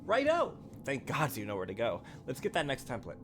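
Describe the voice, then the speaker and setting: A man's voice: medium pitch, wildly swooping pitch, fairly quick. A man doing casual, joking game-stream commentary, slangy and sweary, reacting as he plays. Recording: music behind the voice.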